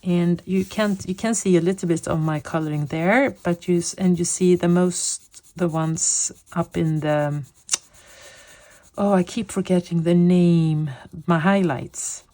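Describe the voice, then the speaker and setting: Warm and lowish, this voice belongs to a Swedish woman in her late fifties who colors on camera. She chats unhurriedly in English, her second language, with a steady tone, sometimes hunting for words.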